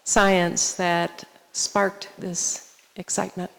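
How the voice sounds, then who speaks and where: A woman in an audience asks a question at a live talk. She speaks very slowly and deliberately, and her voice carries the long reverb of a large hall. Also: on the low side, flat delivery, creaky, clear, resonant tone. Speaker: audience member asking a question.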